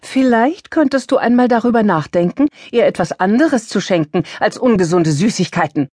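A woman's voice: on the low side, sing-song, moderate pace, husky, dry recording. Brief: angry young mother in a storybook, read by a woman, biting, dry sound. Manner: sharp and scolding. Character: strict angry young mother, sharp-tongued.

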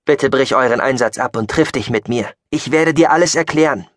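A man's voice: medium pitch, brisk, no room sound, studio quality, pitched above the performer's own voice, lightly acted. A man voicing a desperate adult man who pleads urgently in a raised voice. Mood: pleading.

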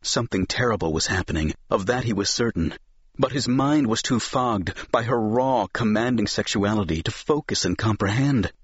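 A man narrating a science fiction novel as an audiobook, in a measured, dramatic storytelling manner. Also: fairly low pitch, animated, breathy edge, no room sound. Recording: slightly dull, dry studio recording.

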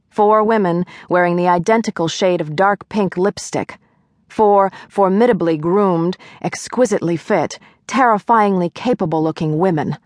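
A woman's voice: medium pitch, no room sound, studio quality. A woman narrating a novel in the first person, with wry, lightly comic storytelling. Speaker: audiobook narrator.

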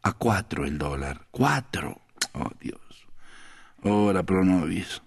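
A man's voice: deep voice, animated, slow pace, slightly rough, exaggerated voice. A man voicing a weary, lonely middle-aged foreigner in an audiobook, talking in a rambling, sighing, pleading way. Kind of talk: audiobook character voice.

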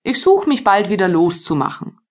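A woman's voice: mid-range voice, very animated, moderate pace, lightly acted. A woman voicing a cheeky, boastful little male tailor in an audiobook fairy tale. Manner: brash and boastful.

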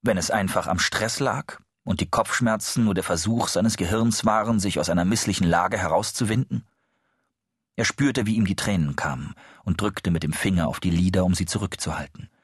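A man narrating an audiobook, telling the story in a steady, expressive manner. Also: low-pitched, moderate pace, breathy edge, dry recording, studio quality. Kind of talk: scripted narration.

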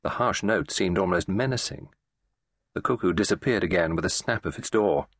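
Husky low-voiced male audiobook narrator. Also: dry recording, clean studio sound. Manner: measured, expressive storytelling.

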